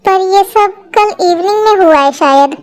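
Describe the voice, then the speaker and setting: A woman voicing an excited young school friend in a Hindi fan-dub drama, gossipy and breathless. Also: extremely high pitch, unhurried, no room sound.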